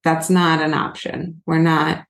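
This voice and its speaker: A woman co-hosting a relationship podcast chats casually with her partner, talking earnestly and using many fillers. Her voice is low and gravelly, her delivery flat and measured in pace, and the room around her is echoey.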